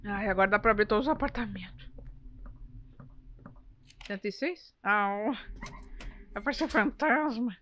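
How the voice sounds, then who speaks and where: Jumpy bright-voiced woman streamer. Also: medium pitch, moderate pace, long pauses, a little hiss or hum. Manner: jumpy, exclaiming, swearing at enemies. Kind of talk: live gameplay commentary.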